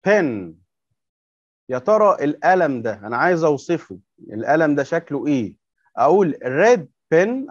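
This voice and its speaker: A man with an Egyptian Arabic accent and a fairly high voice walks young children through a workbook lesson on English words, patiently repeating them and asking questions. The audio is dull with no room sound.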